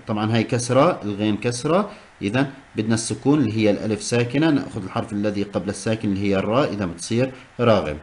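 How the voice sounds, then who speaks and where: A man teaching a class, explaining step by step and repeating key terms. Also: mid-range voice. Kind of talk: classroom lesson on Arabic prosody.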